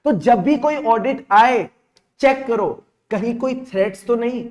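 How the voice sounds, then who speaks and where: A young male teacher with a strikingly high voice leads a live online revision class. He speaks with lively energy, repeating each point and slipping English terms into his sentences. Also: a little slow. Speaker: CA exam teacher.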